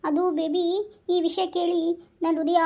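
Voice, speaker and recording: A woman's voice: very high voice, little pitch movement, normal speed, dark tone. Ram, a woman doing a melodramatic heartbroken husband. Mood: wailing. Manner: whiny, pleading, over-the-top lament. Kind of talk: comic skit dialogue.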